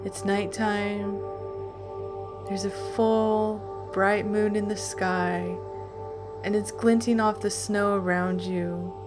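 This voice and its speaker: Slow, calm woman guiding meditation over music. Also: mid-range voice. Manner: calm, soothing, deliberate with long pauses. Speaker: guided meditation narrator. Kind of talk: guided meditation, slow scripted narration.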